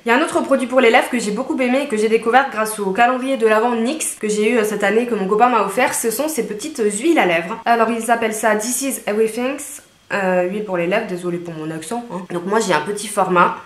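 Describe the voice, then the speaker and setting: A woman's voice: fairly high pitch, quick pace, hardly any pauses, echoey room. A woman reviewing beauty products in a chatty, casual vlog from her home, with frequent fillers and asides. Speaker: beauty vlogger.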